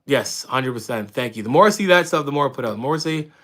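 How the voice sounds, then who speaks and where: A relaxed man in his thirties from Canada, chatting live with his viewers. He talks loosely and warmly, full of "um"s and restarts as he reads questions aloud, and his voice sits at an ordinary middle pitch. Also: fast talker. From Windsor, Ontario, Canada. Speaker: fitness streamer answering chat. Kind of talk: casual live-stream chat.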